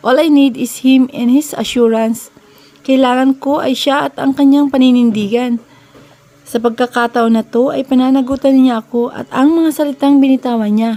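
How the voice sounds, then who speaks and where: A woman's voice: fairly high pitch, dark tone. A woman narrating a first-person romance story in a conversational, mixed-language reading style.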